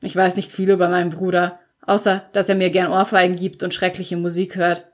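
A woman's voice: lowish voice, completely flat delivery, fairly quick, lightly acted. A woman reading as a sardonic teenage boy. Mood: quiet. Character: teenage boy, cool, sardonic, grieving brother. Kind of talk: audiobook reading.

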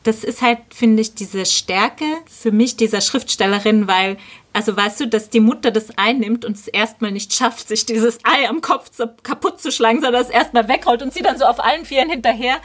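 A woman's voice: on the high side, normal speed. A woman in a casual book talk, reading passages aloud and then commenting on them.

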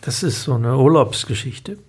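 A man's voice: mid-range voice, normal speed, breathy edge. A man reads his own humorous column aloud, telling it in a dry, ironic way and acting out the quoted lines. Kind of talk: expressive reading of a humorous column.

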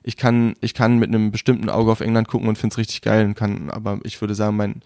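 A man's voice: fairly low pitch, level tone, fast, darkish tone, no room sound, clean studio sound. A young man from Brandenburg, guest on a casual podcast chat, talking in a rambling, hesitant way with many fillers and restarts. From Brandenburg, Germany.

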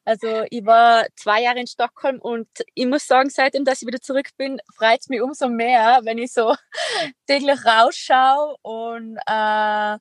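A young woman from Tyrol, Austria, an extreme athlete and entrepreneur, chats casually as a guest in a podcast interview. Her voice is a little high and unhurried, upbeat and full of little fillers and laughs, on a dry recording.

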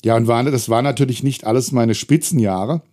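A man's voice: mid-range voice, brisk, dark tone. A middle-aged man, a self-employed trainer, candidly and wryly telling his own story of setbacks. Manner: candid, reflective, wry. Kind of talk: personal storytelling talk.

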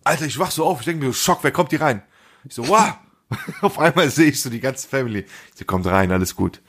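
A young man co-hosting a podcast, telling stories in animated casual chat with lots of street slang. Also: medium pitch, fast. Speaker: podcast co-host.

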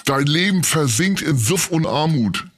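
A man's voice: a little high, animated, measured pace. A man hosting a scripted comedy sketch, playing a teasing, exasperated straight man.

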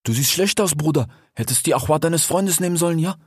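A man playing a husky, chatty desert fox. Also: fairly high pitch, a little fast, no room sound, studio quality. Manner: chatty, ends phrases with 'ja?'. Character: male desert fox, talkative merchant. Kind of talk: audiobook fairy tale.

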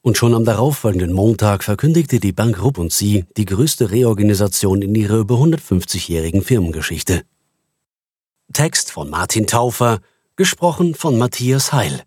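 A male narrator reads a satirical column in a wry, expressive way. His husky voice carries a lively melody. The close studio sound is dry, with no room echo. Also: lowish voice, normal speed.

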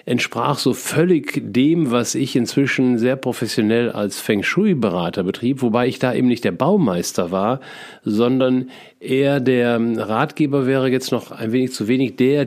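A middle-aged man slowly telling a personal, spiritual life story, reflective and full of small hesitations and restarts. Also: medium pitch, darkish tone. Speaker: feng shui consultant telling his life story.

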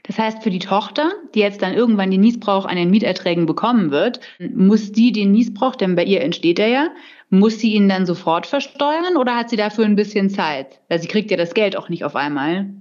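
A woman's voice: medium pitch, brisk, darkish tone, muffled recording. A woman co-hosting a podcast, asking inquisitive follow-up questions.

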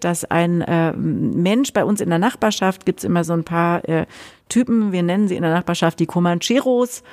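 Outspoken woman in animated conversation. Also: on the low side. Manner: outspoken, animated, frequent restarts. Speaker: guest, author. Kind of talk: conversational discussion.

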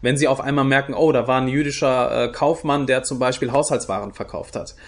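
A young man from Germany talks his way through interview answers, thinking as he goes. He stops often, restarts and fills pauses. His voice sits at a middle pitch. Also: steady tone. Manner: thoughtful, many fillers and restarts. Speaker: guest, youth project leader.

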